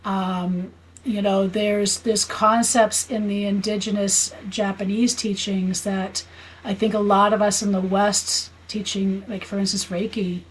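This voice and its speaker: This spiritual healer and teacher, an American woman in her fifties, speaks as a guest in a relaxed interview. Her medium-pitched voice barely moves in pitch and stays unhurried as she explains earnestly and keeps checking for agreement, on a rough recording with slight background noise.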